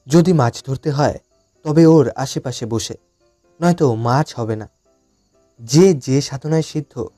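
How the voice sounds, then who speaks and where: A man narrating a short story in a calm, even reading voice that rises for the quoted dialogue. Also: medium pitch, no room sound. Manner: reads calmly, lifts his voice for the boys' quoted lines. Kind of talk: scripted audiobook narration.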